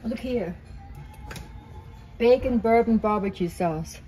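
A woman's voice: fairly high pitch, takes it slowly, dark tone, soft background music. An older woman, pointing things out with exclamations as she shops in a gift shop. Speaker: vlogger's mother. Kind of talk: casual chat.

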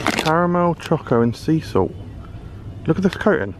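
Vlogging a shopping trip through large supermarket aisles indoors, a British man from the United Kingdom chats curiously about shelf products in casual running commentary. A food vlogger, he sounds a little high with lively intonation at a moderate pace. The background is noisy.

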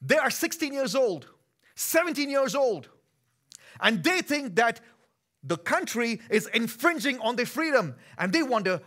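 With a very high-pitched voice, a pastor from India in his thirties gives a sermon from a church stage in an Indian accent. His delivery drifts between relaxed talk and emphatic force.

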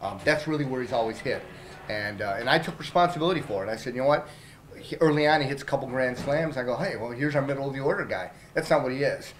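Candid baseball manager talking to reporters. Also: male voice, medium pitch, fast, a little hiss or hum, low-quality recording. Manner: candid, conversational, many fillers and restarts. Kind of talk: post-game press interview. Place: small press room in front of a logo backdrop. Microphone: several handheld reporter mics held up close.

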